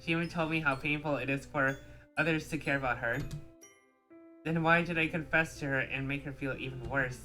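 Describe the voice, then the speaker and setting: Very low-voiced woman reading game text. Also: fairly even intonation, fairly quick, bright, forceful tone, soft background music. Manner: reads dialogue with joking asides. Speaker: let's play host.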